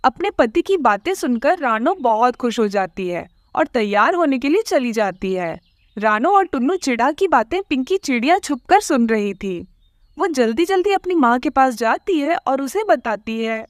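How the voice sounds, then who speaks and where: A woman narrating a cartoon story in an expressive, storytelling way. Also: high-pitched, moderate pace, no echo, clean studio sound.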